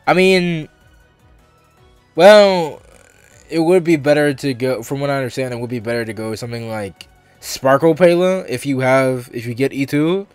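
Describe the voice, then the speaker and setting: A male game streamer talks casually over faint game music, rambling and restarting his sentences as he thinks aloud. His pitch sits in an ordinary middle range. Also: normal speed, smooth, no room sound. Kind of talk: casual gaming commentary.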